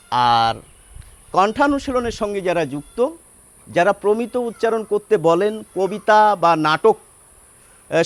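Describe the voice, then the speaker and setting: An older man with a Bengali accent, teaching pronunciation in a slow, deliberate lesson. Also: high voice, no room sound. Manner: slow, deliberate demonstration of words. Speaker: language teacher.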